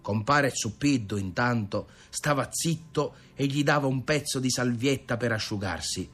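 A man reading a novel aloud as an expressive literary narration. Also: mid-range voice, normal speed, slightly rough, faint music behind. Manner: expressive storytelling. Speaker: audiobook reader.

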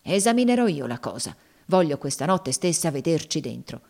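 A brutal male master blusters and curses, fear showing under the bluster, as a woman reader plays him. The lines come out loud and forceful. It is a dramatic audiobook reading. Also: deep voice, sing-song, normal speed, gravelly, exaggerated voice. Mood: blustering, uneasy. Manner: blustering, cursing.

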